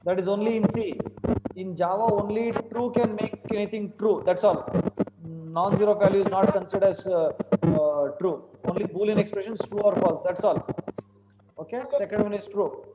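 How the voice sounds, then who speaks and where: High-pitched Indian man teaching in an echoey room. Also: fairly even intonation, moderate pace, very noisy. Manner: informal, questioning, repeats instructions. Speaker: programming teacher. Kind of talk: interactive online class. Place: small indoor room. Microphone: computer mic on a video call.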